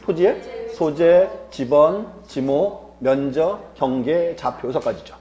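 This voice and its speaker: A man's voice: fairly high pitch, takes it slowly, warm tone. A male lecturer teaching an exam-prep class, asking rhetorical questions and answering them himself, repeating key terms for emphasis.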